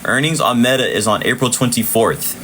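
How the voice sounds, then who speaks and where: In a low-quality recording with slight background noise, a man of medium pitch hosts a live trading stream, speaking a little fast. His chart commentary is casual, chatty, and repetitive, full of viewer shout-outs, and he's losing his voice.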